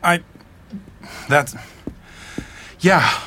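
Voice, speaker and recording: A sheepish young pop star. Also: male voice, a little high, very slow, bright, forceful tone, slight background noise, exaggerated voice. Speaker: pop star visiting his parents. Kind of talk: audio drama acting.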